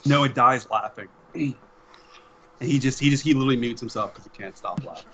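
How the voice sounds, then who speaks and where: A man's voice: mid-range voice, moderate pace, pushed and bright, lo-fi sound, slight background noise. A man narrating as game master in a loose, rambling, profane way over a voice call. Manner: loose, rambling, swears, laughs often.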